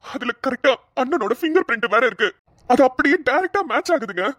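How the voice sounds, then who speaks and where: A woman's voice: sits high, expressive, fast, fairly bright tone, no room sound, clean studio sound. A woman voicing a harried young male police officer who rants in exasperation, for a cartoon. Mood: exasperated. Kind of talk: dubbed cartoon voice acting.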